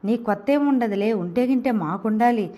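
A woman's voice: fairly high pitch, moderate pace, warm tone, natural voice. A woman voicing a sarcastic, teasing young man who needles his younger cousin in an audio novel. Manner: mocking, sarcastic retorts.

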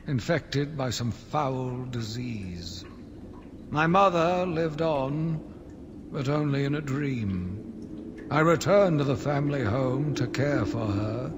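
A man's voice: medium pitch, long reverb tail, noisy background. An actor playing a grave, haunted man narrating his grim memoir in a video game, solemn and brooding. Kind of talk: video game dramatic monologue.

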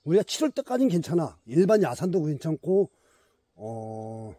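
A man's voice: on the high side, sing-song, moderate pace, warm tone, slightly rough, no echo. A middle-aged man vlogging outdoors in a mountain forest, chatting emphatically to his bees and to his viewers. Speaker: beekeeper vlogger. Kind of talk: casual outdoor vlog.

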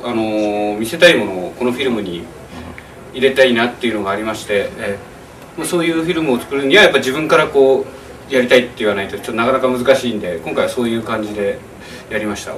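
A man in his forties, an animation director, answering interview questions thoughtfully with many pauses and fillers in a small press room. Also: medium pitch, animated. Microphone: camera across the room. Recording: distant camera mic, faint noise.

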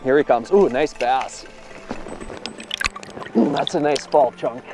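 A man's voice: mid-range voice, slow pace, music in the background. Upbeat man explaining fishing tackle outdoors. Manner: upbeat, explanatory, excited at catches. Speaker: fishing video producer. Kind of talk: on-the-water fishing demonstration. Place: open boat on a lake, outdoors.

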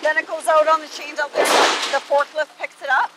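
Woman showing folks round a sawmill, really high voice, loud machines roaring behind, chatty and easygoing. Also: flat delivery, moderate pace, very noisy. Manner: casual, explanatory, uses "right?" often. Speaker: mill employee giving a tour. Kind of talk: explaining while walking a tour. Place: loud sawmill floor and yard, indoors and outdoors.

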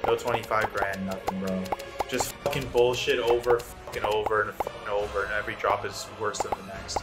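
A man livestreaming his gambling, swinging between explosive shouting and muttered swearing. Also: on the low side, fairly even intonation, brisk. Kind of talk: livestream reactions. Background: music.

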